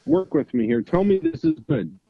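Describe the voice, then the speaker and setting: A man's voice: high-pitched, huge pitch swings, moderate pace, gravelly, no echo. A man co-hosting a casual chat over a video call, his audio sounding robotic and cutting in and out. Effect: robotic, breaking-up call audio. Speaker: podcast co-host. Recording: dull lo-fi video call line.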